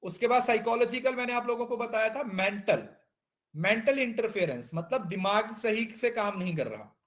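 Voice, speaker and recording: In a classroom lecture, a male teacher mixes in English terms and keeps checking, repetitively, that students understand. His voice sits high and is expressive and a bit bright, at a moderate pace.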